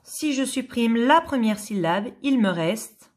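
A woman teacher leads a slow phonics lesson for young children, carefully sounding out each word and repeating it. Her voice is fairly high and darkish in tone, and she's expressive.

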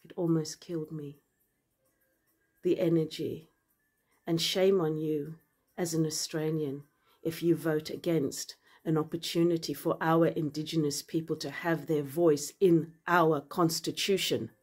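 A low, slightly rough female voice with fairly even intonation belongs to a Zambian-raised vlogger and author speaking earnestly to camera. Filmed on a phone at arm's length in a room with plants and large windows, her impassioned personal address starts measured and becomes forceful and indignant.

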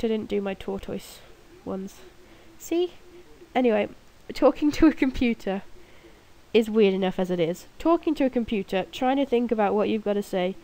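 A young woman with a cold and a blocked nose makes a gaming video, talking over her gameplay alone in her room at night. Her voice is a little high with a dark tone, and she rambles, giggles and pokes fun at herself.

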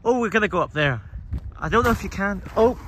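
A man's voice: high voice, lively intonation, quick pace, background noise. A young man giving a nervous walking commentary as he explores an abandoned building, talking to himself into a handheld phone. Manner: jumpy, muttering to himself, easily spooked. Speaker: urban explorer vlogger. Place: outdoors and in a derelict building.

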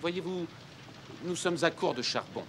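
An actor playing a composed, resolute gentleman traveller in his thirties, polite and clipped, in a French film dub. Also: fairly high pitch, measured pace, background noise, natural voice. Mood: coolly polite. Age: 30s.

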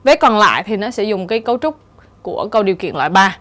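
A woman teacher giving a steady, explanatory exam-prep lesson and reading the answer options aloud. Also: medium pitch, fast talker. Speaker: English teacher.

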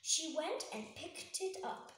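A woman's voice: high-pitched, animated, slow, a bit bright. A woman reading a children's story aloud, enthusiastic, adding her own asides. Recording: echoey room.

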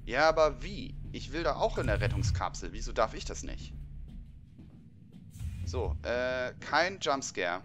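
A man's voice: mid-range voice, sing-song, measured pace. Guy doing horror let's play, swears a lot, yelps at jumpscares, voice swings all over, game music behind. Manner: jumpy, swearing, yelps at scares; sprinkles English curses into German.

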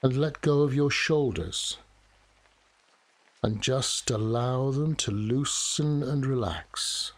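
A man leads a guided meditation in a soft, soothing voice of medium pitch. He speaks very slowly, leaving long pauses between short phrases. Steady rain falls behind him. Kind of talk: guided relaxation meditation narration.

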